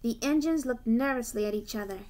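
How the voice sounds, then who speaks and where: A woman reading a children's train story aloud in a gentle, unhurried storytelling manner. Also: a little high. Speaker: storybook reader.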